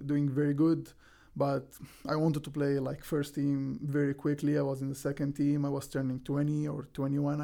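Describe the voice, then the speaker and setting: A man's voice: a little high, vocal fry, mellow. A young man from Egypt with an Egyptian accent, a soccer player answering interview questions in plain, earnest English with restarts. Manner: plain, earnest, simple non-native phrasing with restarts. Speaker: guest, professional soccer defender.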